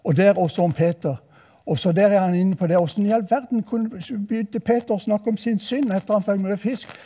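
Eldre sørlandsk mann som preker livlig. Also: male voice, high voice. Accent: southern Norwegian. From southern Norway. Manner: lively storytelling, voice rising for quoted exclamations. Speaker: preacher. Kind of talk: sermon. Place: mission hall.

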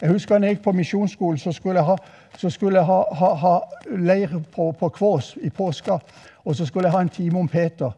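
Eldre sørlandsk mann som preker livlig. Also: male voice, high-pitched. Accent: southern Norwegian. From southern Norway. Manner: lively storytelling, voice rising for quoted exclamations. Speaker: preacher. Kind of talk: sermon. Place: mission hall.

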